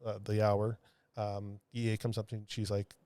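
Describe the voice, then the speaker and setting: Earnest low-voiced man telling a story. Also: little pitch movement, mellow, dry recording. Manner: halting, many restarts and fillers; earnest, heartfelt. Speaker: comic book artist guest. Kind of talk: podcast interview storytelling.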